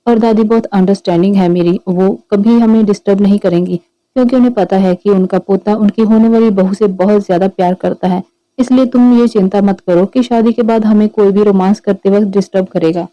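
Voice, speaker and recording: Woman reading young man in love, teasing, possessive, dark mellow voice, dry lo-fi sound. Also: high-pitched, fairly even intonation, a little fast, no room sound.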